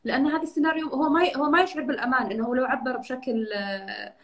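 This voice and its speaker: A woman hosting an interview, speaking quickly and often giving short agreements. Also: high-pitched, steady tone, a bit bright. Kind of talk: casual interview talk.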